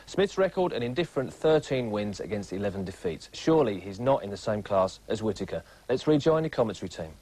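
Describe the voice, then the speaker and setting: A man with a fairly low voice presents boxing coverage. He speaks in the manner of a programme host introducing the next segment. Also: sing-song, quick pace, few pauses, darkish tone. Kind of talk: presenter's link into sports coverage.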